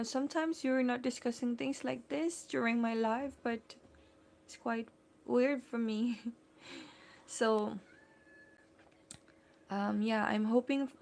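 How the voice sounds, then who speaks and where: Host, Filipino accent, woman; slightly high, gravelly voice, casual and filler-heavy chat. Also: a little mellow. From Philippines. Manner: chatty, greets and thanks viewers by name, many fillers. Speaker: vlogger hosting a live stream. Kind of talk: casual live-stream chat.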